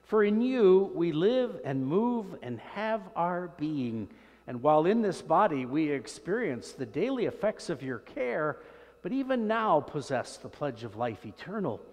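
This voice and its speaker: An older man, a priest, reciting solemn liturgical prayers in a measured, reverent manner in a large echoing church. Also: fairly high pitch, big pitch swings, darkish tone. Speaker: priest celebrating Mass. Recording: long cathedral-like echo in large church.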